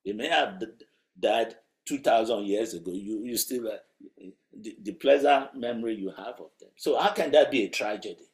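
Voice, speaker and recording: A man's voice: fairly low pitch, normal speed, darkish tone. A man preaching a sermon in a conversational, emphatic way, asking rhetorical questions. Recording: roomy echo.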